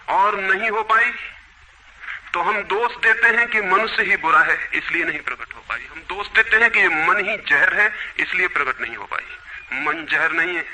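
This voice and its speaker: A man gives an earnest, emphatic spiritual discourse. His voice sits high and rings very bright, with a faint noise underneath. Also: poor audio. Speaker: spiritual speaker.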